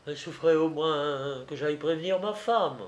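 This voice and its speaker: A man's voice: normal speed, echoey room, close to an everyday voice. A man putting on a fretful old grocer. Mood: pleading. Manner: pleading, indignant, raised pitch. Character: impetuous sixty-year-old male grocer, fretful. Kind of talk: audiobook character voice.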